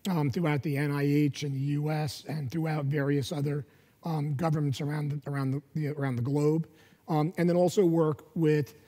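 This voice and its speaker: A man in his fifties speaking as a panelist at a conference, halting with many fillers, on a headset mic in a large hall. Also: fairly high pitch, little pitch movement, warm tone. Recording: long hall reverb.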